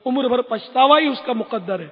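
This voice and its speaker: A man's voice: very high voice, expressive, husky. A middle-aged man, a religious scholar telling stories in earnest as he answers questions. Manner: storytelling, earnest exclamations. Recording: echoey hall, lo-fi recording.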